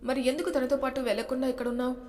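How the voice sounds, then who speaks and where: A woman's voice: sits high, fairly even intonation, very fast, darkish tone, big-room sound, natural voice. A woman voicing a playful younger brother who teases his older brother. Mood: teasing.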